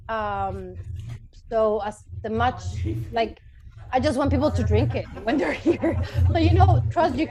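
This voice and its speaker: This Chilean tour guide's voice is a little high and slightly mellow, on a dry recording. She's giving a casual online lecture followed by questions, explaining as she goes and checking on her audience with frequent "right" and "okay" tags.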